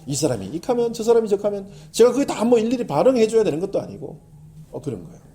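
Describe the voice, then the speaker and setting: A middle-aged male pastor giving a sermon in an animated, conversational style, with emphatic swings in delivery. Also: high-pitched, quick pace.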